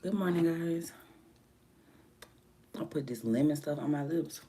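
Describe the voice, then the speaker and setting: A woman who streams and makes music talks a little slowly on a casual morning livestream from her home. Freshly woken, her voice is deeper than normal, and she rambles between gentle murmurs and more spirited bursts.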